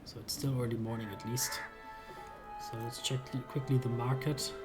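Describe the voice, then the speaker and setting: Calm man reading a game story aloud. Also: medium pitch, moderate pace, music in the background. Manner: calm, wry side comments. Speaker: gamer playing a story game.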